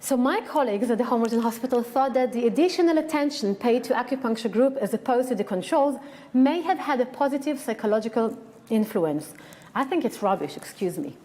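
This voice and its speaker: A woman's voice: fairly high pitch, expressive, a little fast, mellow. A woman with a strong Israeli accent giving a conference lecture in an earnest, frank and emphatic way. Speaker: researcher giving a conference talk. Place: conference hall.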